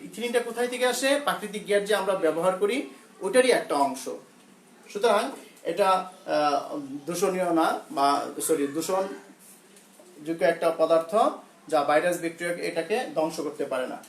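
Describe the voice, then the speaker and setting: High-voiced Bangladeshi teacher in an echoey room. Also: male voice, a little hiss or hum. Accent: Bangladeshi Bengali. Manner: repeats key words slowly for students to memorize; halting, with frequent fillers and self-corrections. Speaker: school teacher. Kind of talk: classroom science lesson.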